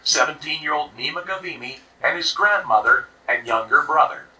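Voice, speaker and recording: A man giving scripted true crime narration in a steady, serious way, played back from a video. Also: a little high, moderate pace, distant mic, a little hiss or hum, rough recording. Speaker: documentary narrator.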